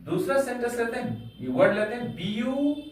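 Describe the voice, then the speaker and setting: A man teaching a grammar lesson to a class, slowly spelling out words letter by letter and asking rhetorical questions. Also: very high-pitched, expressive. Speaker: English teacher. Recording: very echoey room, from far off.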